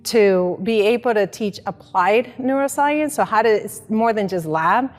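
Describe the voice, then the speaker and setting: A woman's voice: mid-range voice, animated, unhurried, in a large hall. Woman from the Dominican Republic, reflective. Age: 40s. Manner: reflective, earnest storytelling. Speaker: life coach. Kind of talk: personal story in an interview.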